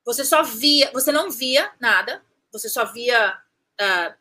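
A woman, recounting a personal story as an interview guest, animated, restarting phrases and acting out what people said. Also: fairly high pitch, unhurried. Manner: animated, restarts phrases, acts out quoted speech.

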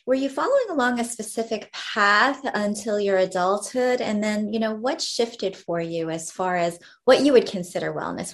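Bubbly, effusive woman hosting a casual interview show. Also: medium pitch. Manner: effusive, bubbly, laughs readily. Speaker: podcast host.

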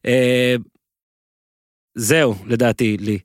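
A man co-hosting a podcast in casual chat, rambling and gushing with excited repeats. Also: medium pitch, no room sound, clean studio sound. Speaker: podcast co-host.

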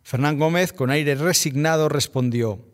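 Spanish guy hosting a podcast, kinda higher voice, slow thoughtful scripted storytelling. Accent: Spain Spanish. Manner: measured, reflective storytelling. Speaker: podcast host. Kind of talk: scripted narration.

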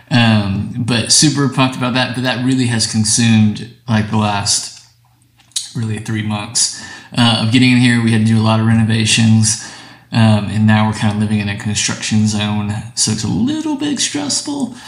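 An easygoing, upbeat man co-hosting a podcast in casual chat, recorded in an empty home office that echoes. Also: on the low side. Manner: easygoing, upbeat, laughs easily. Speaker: podcast co-host, wedding photographer.

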